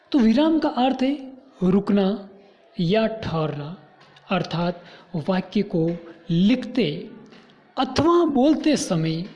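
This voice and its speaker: A woman gives a grammar lesson in a mellow, warm voice, talking slowly and going over each point again with examples. The recording sounds dull and lo-fi. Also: medium pitch. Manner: slow, explanatory, repeats points with examples. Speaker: teacher.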